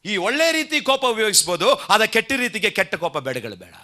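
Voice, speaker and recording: A man's voice: sits high, big pitch swings, quick pace, pushed and bright. A man preaching a sermon, leading the congregation in call and response with frequent hallelujahs and amens. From India. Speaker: pastor.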